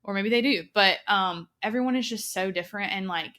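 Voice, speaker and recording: A woman's voice: mid-range voice, a little fast, sharp tone. Twenty-something woman hosting a podcast, rambly and chatty, lots of likes. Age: 20s. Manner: chatty, many fillers. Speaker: podcast host. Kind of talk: casual chat.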